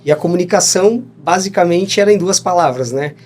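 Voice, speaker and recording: Here a Brazilian podcast guest in his 30s chats through his stories casually and meanderingly, laughing and slipping in plenty of "né?" His voice sits high with a somewhat dark tone, and he moves a little fast. There's slight noise behind this informal storytelling interview.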